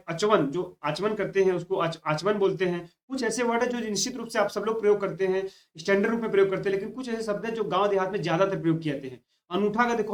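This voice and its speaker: High-voiced man teaching a Hindi lesson. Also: fairly bright tone. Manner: repeats key words, tells students to note things down. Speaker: Hindi exam tutor. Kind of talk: online exam-prep lesson.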